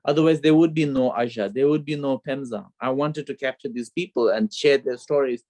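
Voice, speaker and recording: Speaking fairly quickly in a mid-range, somewhat mellow voice, this middle-aged man from Bhutan is a film director being interviewed remotely from his home, where children are close by. The recording is dry, and he reflects earnestly on his story, repeating himself and using "you know" a lot.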